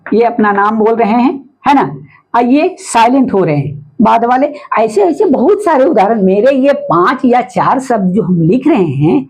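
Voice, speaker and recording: Female phonics teacher, patient and repetitive, slightly raised pitch, husky, mellow tone. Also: animated, poor audio. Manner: patient, repetitive explaining with frequent "है ना" checks; sounds out words slowly letter by letter. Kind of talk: phonics lesson explaining syllables.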